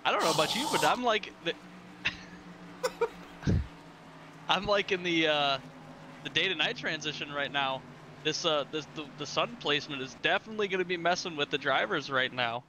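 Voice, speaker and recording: A man's voice: on the high side, animated, normal speed, pauses often, noisy background. A man giving casual race commentary and banter as a co-commentator. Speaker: sim racing co-commentator.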